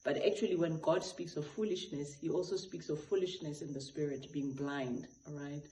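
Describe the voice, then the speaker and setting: A man's voice: fairly high pitch, steady tone, normal speed, darkish tone. A South African gospel artist, a man, talking earnestly with many restarts and asides. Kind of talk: reflective talk to camera. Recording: echoey room with faint noise.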